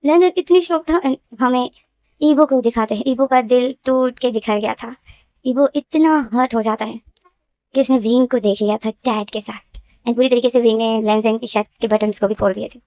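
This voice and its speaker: A woman's voice: fairly high pitch, normal speed, darkish tone. A woman retelling a story casually, with a repetitive and emphatic manner. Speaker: story explainer.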